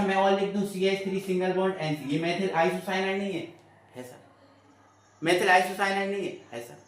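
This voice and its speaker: A man teaching a chemistry lesson, who keeps coaxing students by repeating his questions. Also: sits high. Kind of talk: classroom lecture. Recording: very echoey room, mic at a distance.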